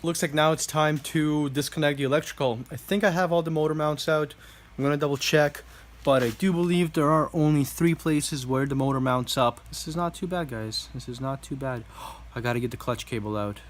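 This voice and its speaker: Man, slightly higher voice, casual workshop commentary, relaxed, thinking aloud, camera mic indoors. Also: a little fast. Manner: relaxed, thinks aloud with fillers while working. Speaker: motorcycle vlogger. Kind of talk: casual commentary while working. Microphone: camera mic, handheld then set down.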